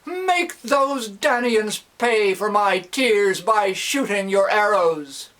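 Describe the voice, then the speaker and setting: A male reciter plays an old priest in an epic poem, solemn and fervently pleading. The voice is lifted high and the dactylic verse is declaimed very slowly, beat by beat. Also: animated, fairly bright tone, full character voice. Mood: fervent prayer. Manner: declaiming in slow, metered cadence.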